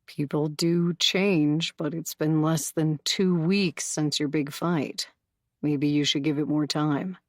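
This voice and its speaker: A woman voicing a cautious, gentle man, an uncle, in an audiobook, speaking softly and evenly. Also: low-pitched, steady tone, slow pace, no room sound, clean studio sound.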